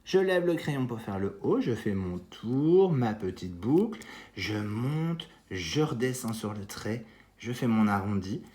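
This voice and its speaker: A man teaching young children at home, slowly talking them through cursive handwriting step by step and encouraging them. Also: mid-range voice, big pitch swings, a little mellow, reverberant. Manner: slow, step-by-step guiding, encouraging. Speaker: kindergarten teacher.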